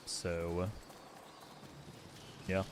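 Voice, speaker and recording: Easygoing low-voiced male game streamer. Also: monotone, very slow, a little hiss or hum. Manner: easygoing, chatty, thanking viewers by name. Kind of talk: casual live-stream chat.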